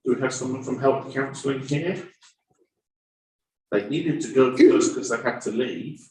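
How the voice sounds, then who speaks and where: A man chairs a town meeting in a council room, stumbling and repeating words whenever he speaks off the cuff. His mid-range voice is a little mellow and moves at a normal pace, heard from a distance in a roomy hall.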